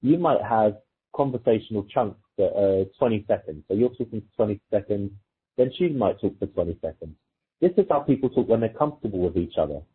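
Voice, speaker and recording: Heard through thin, lo-fi, phone-like audio, a dating coach talks in an animated, brisk, informal way. His low, very husky, rough-edged voice explains points conversationally, acting out example dialogue to illustrate them.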